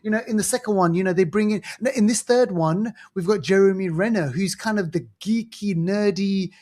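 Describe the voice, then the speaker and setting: Chatty high-voiced man. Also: brisk. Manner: chatty, animated, frequent "you know" fillers. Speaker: podcast co-host. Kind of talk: casual chat.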